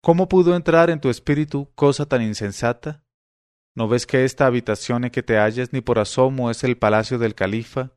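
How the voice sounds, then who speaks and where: A man's voice: mid-range voice, no room sound, studio quality, close to an everyday voice. A man doing an old mother pleading with her son. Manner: pleading, lamenting.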